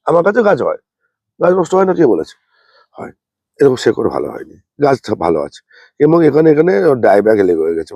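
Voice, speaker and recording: Man, gravelly, mellow tone, unwell, slow repetitive gardening demo. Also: mid-range voice, dry recording. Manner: speaks slowly and plainly, repeating points. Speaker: rooftop gardening channel host. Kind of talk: hands-on gardening demonstration.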